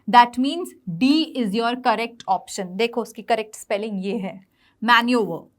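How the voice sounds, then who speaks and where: A woman teaches an online exam-prep lesson in a high, light voice. She moves between Hindi and English, sounds out the spelling of each word slowly and keeps checking that students follow. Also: a bit bright. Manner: mixes Hindi and English, drills pronunciation, checks in with "got it?".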